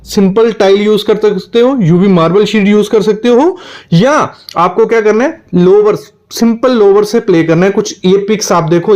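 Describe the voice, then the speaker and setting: A man's voice: high voice, a little mellow. A man giving direct, practical advice on interior design to the viewer in an instructional explainer.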